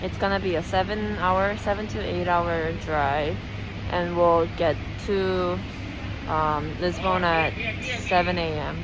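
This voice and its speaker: A woman talking through a face mask, narrating her travel vlog in an unhurried, thinking-aloud way. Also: fairly low pitch, fairly even intonation. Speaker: travel vlogger. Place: bus station and night bus journey. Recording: clear vehicle and street noise behind.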